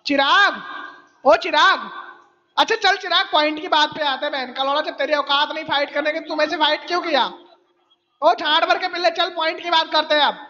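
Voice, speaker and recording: A man's voice: extremely high pitch, fairly even intonation, a little fast, bright, forceful tone, in a large hall, highs cut off. A male caller hurling jeering, repetitive taunts in an abusive voice-call insult battle.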